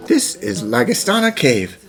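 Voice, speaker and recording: A man voicing a composed, thoughtful gentleman professor who explains things formally in an animated fan dub. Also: high-pitched, normal speed, gravelly, over music, heavily acted. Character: gentlemanly puzzle-solving professor, thoughtful, devoted father.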